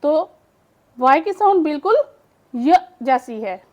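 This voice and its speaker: A woman teaching English phonics, explaining slowly in Urdu and saying each word twice. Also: high voice, expressive, lo-fi sound. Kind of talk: slow phonics lesson.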